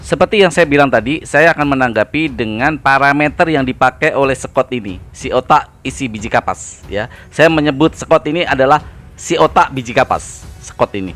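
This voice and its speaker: A man's voice: medium pitch, lively intonation, brisk, a bit bright. A man hosting a channel, giving heated, mocking reaction commentary in a combative way. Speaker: channel host.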